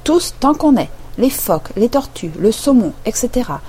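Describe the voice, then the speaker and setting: A woman voicing an excitable male griffin in a storybook reading, shouting out dance steps. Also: on the high side, normal speed, slight background noise, voice pushed up. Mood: eager.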